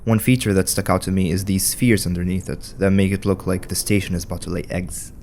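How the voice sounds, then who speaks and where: A man with a very low voice narrates a scripted video essay. His delivery is conversational and wry, with dry asides. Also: fairly even intonation, a little fast, darkish tone, a little hiss or hum.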